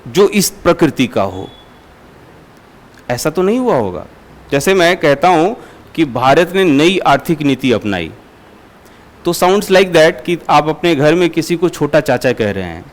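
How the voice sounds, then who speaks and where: A man teaching a lecture class, asking students questions and explaining with everyday examples. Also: on the high side. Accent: Hindi. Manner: asks students questions and answers them; uses homely everyday examples.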